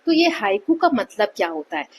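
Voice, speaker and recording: A woman explaining a textbook lesson as a teacher, with an Indian accent. She goes slowly line by line and keeps checking in with her students. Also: mid-range voice, sing-song, a little mellow, breathy edge. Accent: Indian English.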